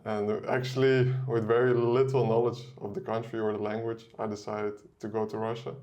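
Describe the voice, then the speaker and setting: Young guy being interviewed, kinda low voice, laid back, says like a lot. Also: brisk, highs cut off. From Netherlands. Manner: relaxed, uses filler 'like' and laughs often. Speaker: interview guest. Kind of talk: casual interview talk.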